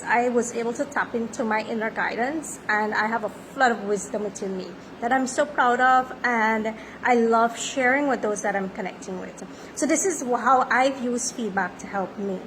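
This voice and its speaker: A woman's voice: fairly high pitch, noisy background. A woman in her thirties, a life coach, speaking in a confident, self-affirming motivational monologue. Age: 30s.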